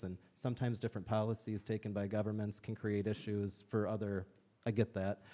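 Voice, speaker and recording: A man acting as mayor addresses a city council meeting. His voice is low and mellow, and he talks fast in an even, flat tone.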